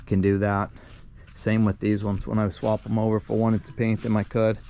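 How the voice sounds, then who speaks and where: Casual male vlogger, easygoing and rambling, flat delivery, faint noise outdoors. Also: on the low side, normal speed, muffled recording. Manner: laid-back, rambling, many fillers. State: a little out of breath at times. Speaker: vlogger working on his trucks. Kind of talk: casual self-filmed narration. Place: outdoors by a truck.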